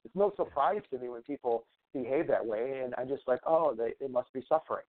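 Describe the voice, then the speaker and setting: A man in a relaxed interview, talking at an everyday middle pitch. He rambles and repeats himself and drops in a swear now and then. His voice comes over a thin, phone-like line. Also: fairly quick. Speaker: guest, natural medicine practitioner. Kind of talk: conversational interview talk.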